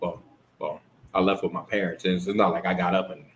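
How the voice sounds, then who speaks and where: A man's voice: low voice, flat delivery, a little fast, poor audio. A man from the Bahamas hosting a casual chat, talking in a rambling way with lots of restarts. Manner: rambling, many restarts and fillers. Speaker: host.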